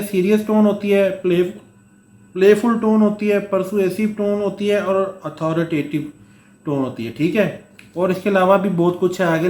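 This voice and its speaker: A man's voice: high-pitched, a little mellow, roomy sound. A man teaching a course, explaining in a conversational lecture with fillers and frequent check-ins, somewhat short of breath and coughing at times. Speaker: course instructor. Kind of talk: Hindustani lecture mixed with read-out English.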